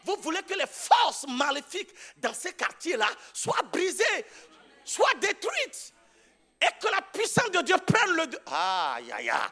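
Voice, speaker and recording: A man preaching as a pastor in a church on a microphone, shouting exhortations and dropping to a low storytelling voice, laughing as he tells his story. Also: very animated, unhurried. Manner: laughs while telling the story. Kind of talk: charismatic preaching with testimony. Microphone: handheld or stand mic.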